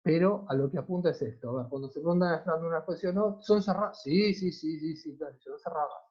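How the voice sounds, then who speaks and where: A university teacher with an Argentine Spanish accent teaches online, often checking in with students and answering his own questions. His voice is on the high side, fairly quick, darkish and husky, and the audio is dull.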